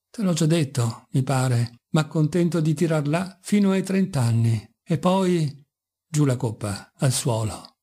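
A man's voice: a little high, warm tone, slightly rough. A man voicing a mocking, brooding young intellectual in an audiobook, speaking with bitter irony. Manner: ironic, bitter, sometimes passionate.

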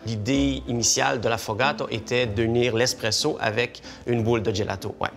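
A middle-aged man, a gelato consultant explaining his craft in a café, animated and gesturing as he talks. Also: mid-range voice, brisk, vocal fry, faint music behind. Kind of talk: explanatory talk to camera. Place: café interior.

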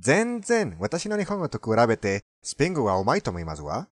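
Animated man with a foreign accent. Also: medium pitch, quick pace, noisy background. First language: Spanish. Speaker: language commentator. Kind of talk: language lesson commentary.

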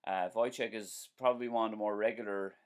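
Streaming live from a small room in his home, an Irish driving instructor in his forties answers viewer comments in a chatty, friendly way. He repeats himself and keeps restarting, filling gaps with um and uh. His tone is clean and fairly low, with fairly even intonation and a brisk delivery.

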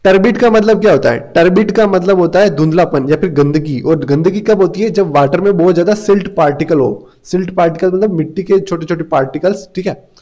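Man, engineering tutor, high but mellow voice, reads notes slowly, slightly dull recording. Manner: repeats "theek hai" often, reads English notes slowly, then explains; asks and answers his own questions. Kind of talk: classroom-style lecture.

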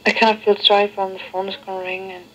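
A woman chats casually on a phone call in a flat, rapid-fire delivery. The recording comes from an old, worn answering machine tape, played back through a cassette boombox.

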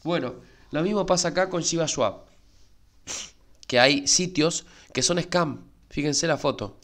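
A man's voice: on the high side, a little slow, a bit bright. A man with an Argentine Spanish accent who runs a crypto channel on YouTube and talks to viewers casually, with lots of "eh" and "¿sí?". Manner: chatty, repeats filler "eh" and asks "¿sí?". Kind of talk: casual spoken market commentary.

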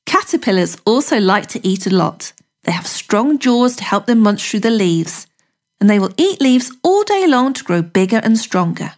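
A woman's voice: mid-range voice, big pitch swings, normal speed. A woman speaking as a kids show host, narrating an educational script for young children with simple, encouraging phrases and questions to the viewer.

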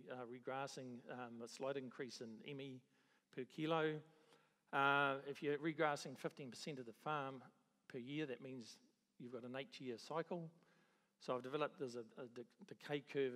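Holding a handheld mic in a large, reverberant conference hall, a middle-aged New Zealand man who is an agricultural economist presents his talk. His voice is medium-pitched and fairly bright, and his delivery is halting, with many restarts and a dry, understated manner.

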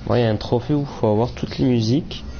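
A young gaming streamer races through casual let's-play chatter at a medium pitch, rambling and leaning on fillers while a cold leaves his voice slightly off. Music plays in the background, and the muffled recording carries noticeable background noise.

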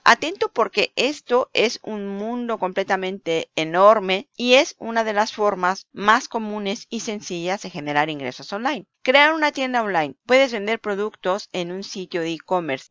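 A woman's voice: medium pitch, animated, a bit bright, clean tone, no echo. Spanish woman from spain rattling off a list tutorial, dry close mic, kinda dull sound. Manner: brisk, listing items, direct to viewer. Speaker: channel host. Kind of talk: fast tutorial over screen share.

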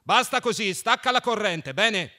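Man playing a boisterous plump prankster, high and loud, swooping mock-sermon voice, ringing bright tone, storybook reading. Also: very animated, moderate pace. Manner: loud, mock-preaching, theatrical. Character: plump jovial mocking young man, boisterous showman.

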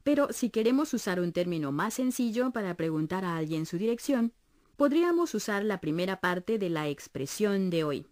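A woman leads a radio language lesson with patient, encouraging explanations. Her voice moves up and down in a lively way. The studio recording is dry and close. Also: medium pitch, normal speed, dry recording. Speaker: Japanese language instructor on a radio course. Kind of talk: scripted educational narration.

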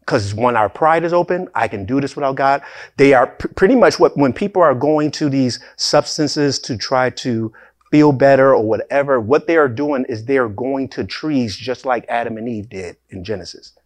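A pastor preaching a sermon in an animated way, with sudden emphatic rises and laughing asides, speaking. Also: male voice, medium pitch, moderate pace.

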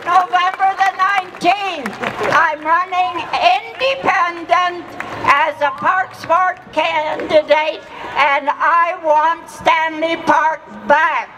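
An older woman shouting an earnest campaign pitch at an outdoor rally. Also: fairly even intonation. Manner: earnest, slow and emphatic. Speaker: candidate. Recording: voice buried in loud crowd noise. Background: loud crowd.

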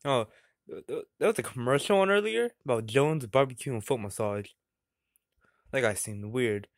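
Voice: medium pitch, expressive, normal speed, dry recording, studio quality, close to an everyday voice. A performer voicing a dim-witted, laid-back male chef puppet in a plush comedy sketch, mumbling and trailing off hesitantly.

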